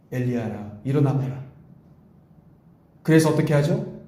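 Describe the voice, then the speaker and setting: A male pastor preaching a Sunday sermon in an earnest, pleading way, sometimes speaking softly in God's gentle voice. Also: fairly high pitch. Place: church sanctuary. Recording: echoey church room.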